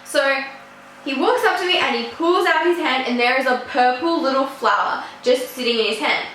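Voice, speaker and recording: Teenage woman, high bright voice, chatty casual storytelling, echoey room. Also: moderate pace, a little hiss or hum. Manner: chatty, animated, swears casually. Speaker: vlogger.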